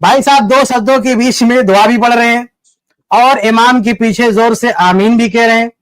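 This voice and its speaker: A man's voice: very high-pitched, steady tone, fairly bright tone, clean tone, no room sound. A man hosting a live debate call-in, pressing a caller with repeated, pointed questions.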